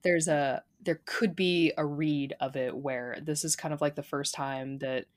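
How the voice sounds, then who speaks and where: A woman's voice: deep voice, fairly even intonation, measured pace. A woman co-hosting a podcast, talking casually with frequent laughs and fillers. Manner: chatty, laughs often, lots of fillers. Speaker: podcast co-host.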